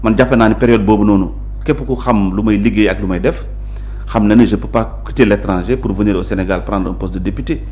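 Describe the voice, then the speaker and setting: Soft background music plays as a man with a lowish, slightly mellow voice speaks at a quick pace in a Senegalese accent. A local politician and interview guest, he explains his positions emphatically in a conversation mixing Wolof and French.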